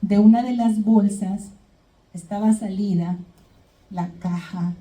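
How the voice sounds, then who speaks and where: A woman's mellow, medium-pitched voice stays steady and unhurried as she delivers a church sermon, retelling Bible stories and frequently checking in with her "brothers and sisters." The mic sits at a distance in the echoing hall.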